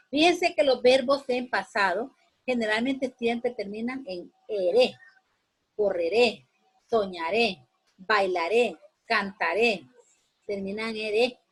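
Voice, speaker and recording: The audio is poor, and the woman's voice is high-pitched and husky. Teaching a sixth-grade class, she goes over each point again with patience and tells the students what to do.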